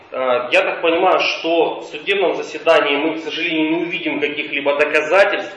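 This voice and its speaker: Male legal representative, formal courtroom delivery, slightly high voice, very reverberant dictaphone recording. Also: pushed and bright. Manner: formal, legalistic, deliberate phrasing. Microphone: dictaphone far from the speaker. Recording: muffled echoey courtroom dictaphone, distant, faint noise.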